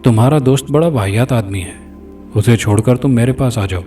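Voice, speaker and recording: A seductive, menacing female spirit in a spoken horror story, as a male narrator puts her on. The voice is mellow and dark and sits a little back from the mic. Faint music plays underneath. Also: medium pitch, recorded from a distance, lightly acted. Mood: coaxing. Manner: coaxing then threatening.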